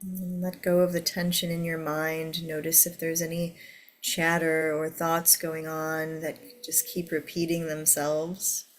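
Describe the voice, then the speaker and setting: A woman teaching a guided meditation to a seated group in a soothing, gentle way. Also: sits low, monotone, a little slow.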